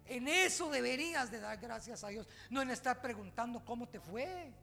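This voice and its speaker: A man preaching a sermon as pastor, emphatic, swinging from hushed asides to loud, forceful peaks. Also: extremely high pitch, lively intonation, moderate pace, gravelly, big-room sound, soft background music.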